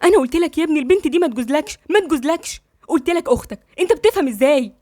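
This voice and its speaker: A woman's voice: high-pitched, racing, darkish tone, no echo, clean studio sound. A woman with an Egyptian accent voicing a sulking, possessive middle-aged mother who scolds insistently. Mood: scolding.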